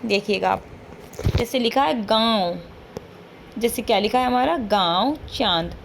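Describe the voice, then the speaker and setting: A woman's voice: fairly high pitch, measured pace, gravelly, background noise. A woman teaching an online class, explaining step by step and repeating key points with frequent checks and rhetorical questions.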